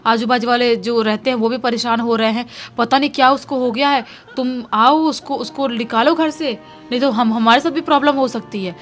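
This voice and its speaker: A woman's voice: on the high side, fairly even intonation, fairly quick, faint music behind, lightly acted. A woman voicing an exasperated grown man complaining on the phone.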